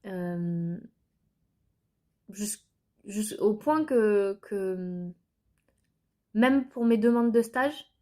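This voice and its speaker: A woman's voice: medium pitch, expressive, extremely slow, long pauses, warm tone. A young woman from France telling her life story to the camera in an earnest, hesitant way, with many filler sounds and restarts.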